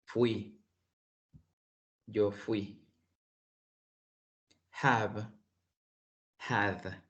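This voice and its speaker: Male tutor, unhurried delivery, patient repetition, online lesson. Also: lowish voice, fairly bright tone. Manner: explains slowly, switching between languages, repeating words for pronunciation. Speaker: English teacher.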